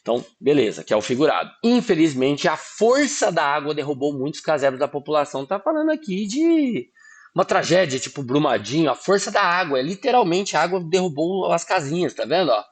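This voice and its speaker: A man teaching an online exam-prep lesson, informal, often checking in with quick tag questions and sounding out words syllable by syllable. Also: fairly high pitch, big pitch swings, slightly rough. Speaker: Portuguese teacher.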